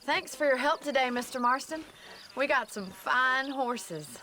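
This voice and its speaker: A woman's voice: sits high, lively intonation, a little slow, pushed and bright, heavily acted. An actress playing a plucky, commanding female rancher with an American accent in a western video game, forthright and folksy. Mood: grateful. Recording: clear outdoor noise behind the voice.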